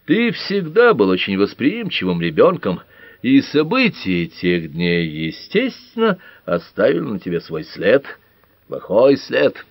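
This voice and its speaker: A man voicing a tall, grey-haired older father who speaks slowly and weighs each word, in a dry, close audiobook recording. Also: mid-range voice, wildly swooping pitch, gravelly, dry recording, voice pushed up, full character voice. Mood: grave.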